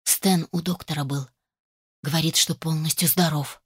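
Woman reader playing a fussing, excitable mum in an audiobook; keep it emotional and exclaiming. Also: low-pitched, normal speed, breathy edge, no room sound, studio quality. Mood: excited. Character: excitable loving middle-aged mother. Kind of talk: audiobook character voice.

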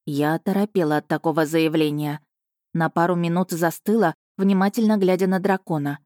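A woman reading a first-person novel aloud in an even, measured storytelling manner. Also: fairly low pitch, no room sound, clean studio sound. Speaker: audiobook narrator.

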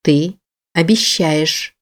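A woman voicing a calm, firm young woman who gives orders in a measured way, read as an audiobook character. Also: deep voice.

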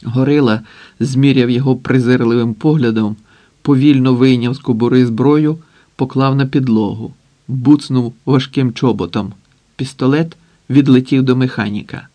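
A man reading a novel aloud as audiobook narrator, with measured, dramatic pacing. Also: medium pitch, fairly even intonation, warm tone.

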